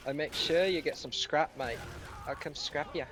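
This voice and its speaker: A man's voice: on the high side, moderate pace, close to an everyday voice, low-quality recording. A man putting on a rowdy British bloke who taunts people into a brawl. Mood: taunting.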